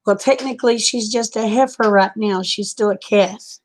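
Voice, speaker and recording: An American woman chatting casually and a little unfocused from lack of sleep, in a folksy, homey way with endearments, as if to livestream viewers. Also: mid-range voice. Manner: sleep-deprived, unfocused, slow to follow. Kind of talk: casual rambling chat.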